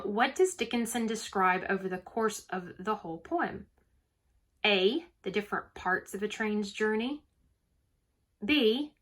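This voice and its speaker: A woman's voice: medium pitch, fairly bright tone. A woman teacher giving a recorded poetry lesson, explaining carefully and stressing words to show rhythm.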